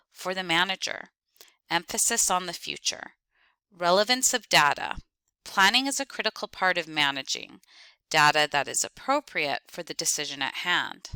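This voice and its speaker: A woman lecturing on accounting, reading out terms, definitions and lists in clipped, deliberate steps. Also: on the low side, sharp tone, smooth, no room sound. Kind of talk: reading lecture slides aloud.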